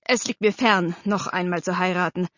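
A woman voicing a weary middle-aged father who speaks calmly and resignedly, in a storybook reading. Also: on the low side, normal speed, no room sound. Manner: calm, resigned. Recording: slightly dull dry recording.

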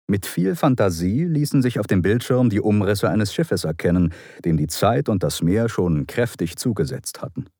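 A male narrator with a very low voice tells a novel in even, measured scripted narration. The recording is dry and close, with no room sound. His delivery stays steady from line to line. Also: no echo. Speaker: audiobook narrator.

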